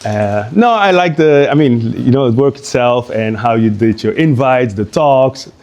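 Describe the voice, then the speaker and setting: A man from Curaçao, a guest speaker at an art exhibition, gives an informal live talk. His voice sits at a middle pitch. He talks in a halting, conversational way and keeps restarting his sentences. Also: expressive, a little mellow.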